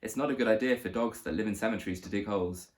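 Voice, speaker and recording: Man reading as a smug estate agent, lowish voice, storybook. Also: racing, lightly acted.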